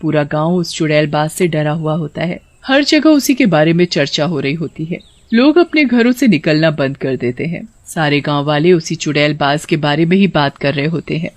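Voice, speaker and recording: A woman narrating a children's story in a steady, scripted way. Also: low voice, normal speed, hardly any pauses, dry recording.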